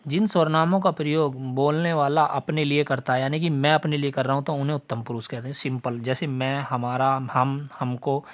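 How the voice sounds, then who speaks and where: A man's voice: mid-range voice, steady tone, moderate pace, few pauses. A man teaching a Hindi grammar lesson for exam prep. He talks straight to his students, repeats the example sentences and checks that they follow.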